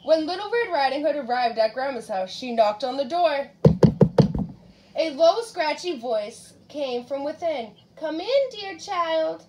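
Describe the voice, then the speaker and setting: A woman reading a picture book aloud to a young child, pausing to ask questions about the pictures. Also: sits high, background noise. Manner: animated, asks the child questions. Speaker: reader.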